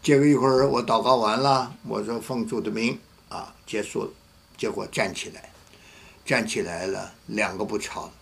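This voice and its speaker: A man's voice: fairly low pitch, fairly even intonation, normal speed, gravelly, breathy edge. A man, a pastor, preaching a sermon and telling a story vividly, acting out the voices of the people he quotes.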